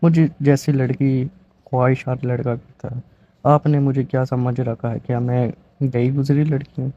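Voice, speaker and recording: A sly, headstrong orphaned young woman from a romance story, as a male reader puts her on. She pleads and protests with a dramatic flair. The voice sits at a middling pitch, and the recording sounds a little dull. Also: flat delivery, natural voice. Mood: defiant.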